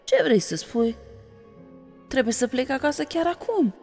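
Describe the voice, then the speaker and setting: A kind young girl in a storybook, pleading and urgent, as a woman narrator puts her on. The voice sits high and rings with a long hall reverb. Soft music plays faintly behind. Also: very animated, vocal fry, exaggerated voice.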